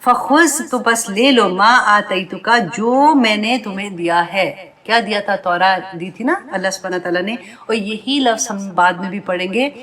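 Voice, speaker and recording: A woman teaching a scripture commentary class. She reads verses phrase by phrase, translates each piece, and explains them earnestly while asking her listeners direct questions. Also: medium pitch. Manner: addresses listeners directly, often adding tag questions. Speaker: Quran teacher. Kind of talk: Quran commentary lesson to a class.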